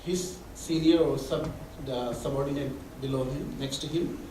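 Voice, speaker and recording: At a moderate pace, a mid-pitched male presenter at a mentoring event gives a conversational talk full of examples and restarts. He's heard from a distance in a roomy, echoey hall or meeting room, and heavy background noise covers the recording.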